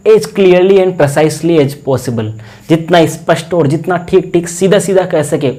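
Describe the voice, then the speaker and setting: A man with an Indian accent teaching an English class, explaining each point carefully and repeating key words as he reads the English slowly. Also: fairly high pitch, warm tone. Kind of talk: classroom lecture.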